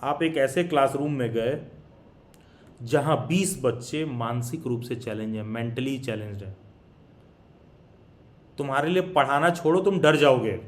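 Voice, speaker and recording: A man's voice: medium pitch, measured pace, long pauses. A man counselling students in a live online session, earnest, mixing in English phrases. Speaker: B.Ed. admission counsellor.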